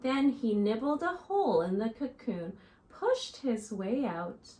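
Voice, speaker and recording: A woman in her thirties speaking as a teacher to young children, reading a picture book and explaining it simply in a deliberate, instructive way. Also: fairly high pitch, sing-song, mellow, a little hiss or hum. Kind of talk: expressive picture-book read-aloud and simple lesson for children. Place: small living room, indoors.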